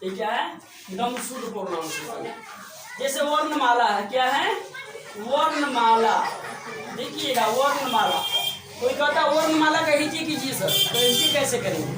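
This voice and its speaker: A man's voice: very high-pitched, animated, noisy background. A man teaching a class at a board, drilling each point with questions he answers himself. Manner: repetitive, drills with quick self-answered questions. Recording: echoey room, voice far from mic.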